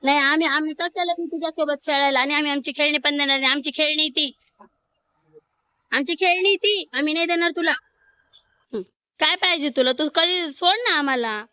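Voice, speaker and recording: Woman, very high voice, dry close sound, family skit, coaxing and urgent. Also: fairly quick, sharp tone, dry recording, highs cut off. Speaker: sister-in-law in a family skit.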